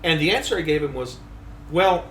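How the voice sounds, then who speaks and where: At a trade show, a man who is a podcast host and fishing editor leads a casual chat about fishing tackle, thoughtful but full of ums and restarts. His voice is medium-pitched and fairly bright at a normal speed, captured off-mic in a roomy space with faint hall ambience and slight background noise.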